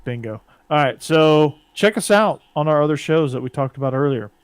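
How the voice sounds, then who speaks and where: A man hosting a casual sports podcast, relaxed and rambling, often trailing off quietly. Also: fairly high pitch, fairly quick, smooth, dry recording. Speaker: podcast host.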